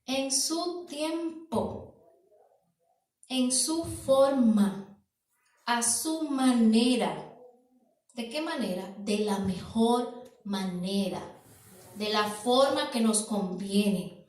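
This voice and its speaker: High-voiced woman preaching slowly in an echoey church. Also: animated, darkish tone. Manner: emphatic, repeats key words, rhetorical questions. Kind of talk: sermon. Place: church evening service. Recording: echoey church hall from far off.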